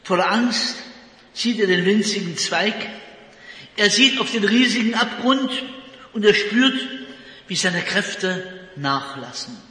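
Slow, bright-voiced preacher in an echoey hall. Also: male voice, high voice, expressive. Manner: slow, deliberate, emphatic. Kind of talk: sermon.

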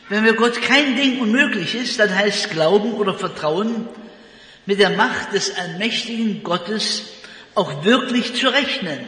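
A male preacher delivers his sermon slowly and deliberately, leaning on key words. His voice is high and bright. A long reverb from a large hall trails after every phrase. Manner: slow, deliberate, emphatic.

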